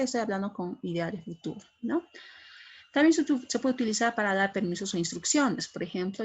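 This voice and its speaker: A middle-aged woman giving an English grammar lesson, explaining patiently and checking in with frequent tag questions. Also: mid-range voice. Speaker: English teacher.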